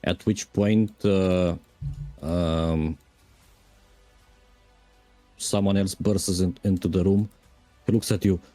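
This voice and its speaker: Low-voiced game master. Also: male voice, fairly even intonation, mellow, dry recording, faint music behind. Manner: casual narration full of filler pauses. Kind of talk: narrating a tabletop game.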